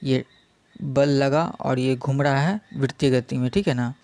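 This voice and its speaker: Slow, repetitive young male teacher. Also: medium pitch, fairly even intonation, darkish tone, dry recording. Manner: slow, repetitive, checks in with "theek hai" constantly. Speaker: physics teacher for exam preparation. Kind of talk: casual online exam-prep lesson.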